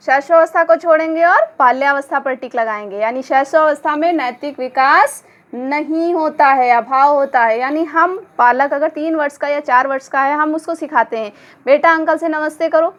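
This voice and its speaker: A woman's voice: high-pitched, normal speed, a bit bright. A woman teaching an exam-prep lecture, explaining step by step and posing questions before she answers them. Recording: dull lo-fi recording.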